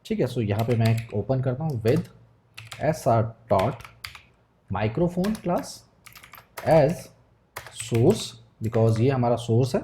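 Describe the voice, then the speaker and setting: Man, coding tutor, patient step-by-step explaining, mellow voice, faint typing in the background. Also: medium pitch, slight background noise. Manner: patient step-by-step explaining, frequent check-ins. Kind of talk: screen-recorded coding tutorial.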